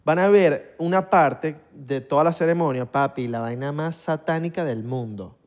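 A man's voice: on the high side, moderate pace. A young man with a Venezuelan accent co-hosting a podcast, joking and telling stories in slangy casual chat. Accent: Venezuelan Spanish. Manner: joking, slangy, animated storytelling. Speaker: podcast co-host.

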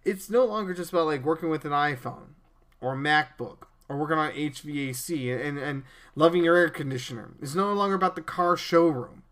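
A man's voice: fairly high pitch, fairly quick, a bit bright. Earnest man preaching on a podcast. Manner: earnest, preachy, with frequent restarts and stammers. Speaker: podcast host.

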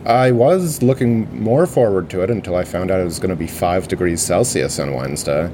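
A man co-hosting a casual sports podcast with a dry, wry manner, heard on a low quality stream. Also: expressive, fairly quick. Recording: low quality stream, noisy with rumbling hum.

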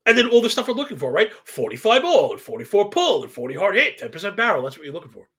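High-pitched, creaky-voiced man talking baseball bets. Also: very animated, fast talker. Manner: slangy, asks "right?" as a constant tag; self-described professorial, rattles off statistics. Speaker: sports betting analyst, live stream host. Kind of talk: casual, stat-heavy baseball betting commentary.

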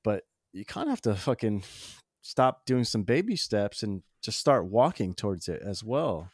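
A man co-hosting a podcast, relaxed and reflective, swearing casually. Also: fairly low pitch, moderate pace, husky, dry recording, studio quality. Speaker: podcast co-host.

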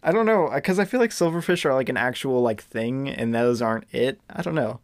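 A man's voice: medium pitch, lively intonation, brisk, dry recording. A man chatting informally as a podcast co-host, in an easygoing conversational style with a readiness to laugh. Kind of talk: casual podcast chat. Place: basement used as a podcast studio.

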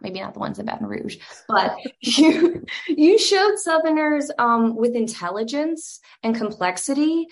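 A woman from Georgia at a mid-range pitch, hosting a casual interview. She sounds eager and gushing, and fills her questions with "um" and quick asides. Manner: enthusiastic, gushing, many fillers.

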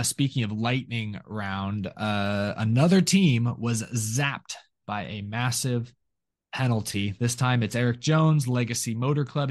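A man hosting a motorsport podcast, running through news in a steady, chatty way with short asides. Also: mid-range voice. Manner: steady newsy rundown with asides. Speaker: podcast host. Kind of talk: casual podcast chat.

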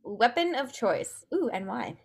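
A woman with a higher, very lively voice co-hosts a casual podcast. She moves the talk along with quick, dry asides. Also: vocal fry, husky. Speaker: podcast co-host. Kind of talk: casual chat.

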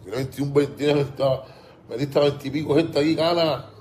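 A man's voice: a little high, normal speed, a little mellow, slight background noise. A man with a Cuban Spanish accent, ranting in a heated, repetitive way, stumbling over his words and swearing often. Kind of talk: casual ranting monologue.

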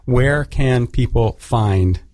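A man hosting a radio show from a studio, talking in a loose, joking way with plenty of fillers. His voice is mid-pitched and sits close and dry with no room around it. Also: takes it slowly, darkish tone, no room sound. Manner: chatty, jokey, with fillers. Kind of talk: casual on-air chat.

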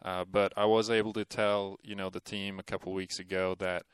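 A man's voice: deep voice, little pitch movement, normal speed, clear, resonant tone, dry recording. A man in his thirties from Norway, chatting easily as a podcast guest. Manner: easygoing, with many fillers and restarts. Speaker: guest, golf coach. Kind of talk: casual interview chat.

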